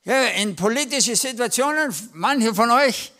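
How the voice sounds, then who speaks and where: A man's voice: very high voice, lively intonation, measured pace, pushed and bright. A man preaching at a church service, telling everyday stories in a conversational way and acting out the voices of the people in them. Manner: storytelling, conversational, acts out quoted voices. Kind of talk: lively sermon with anecdotes.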